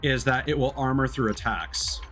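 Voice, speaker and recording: With game music in the background, a video game streamer gives relaxed live commentary, explaining things and thinking aloud as he plays. His voice is mid-range and a bit bright, delivered at a normal speed.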